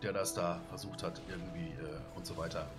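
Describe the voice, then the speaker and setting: A man's voice: low voice, fairly even intonation, a little fast. A man hosting a live stream, chatting casually with viewers and rambling with many fillers. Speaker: streamer host. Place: studio room with windows. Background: faint music.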